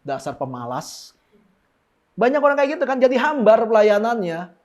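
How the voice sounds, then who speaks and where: A man's voice: very high-pitched, expressive, fast, darkish tone. A man preaching a casual sermon, joking, slangy and mimicking lazy and bossy prayers. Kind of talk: casual sermon with mock impressions.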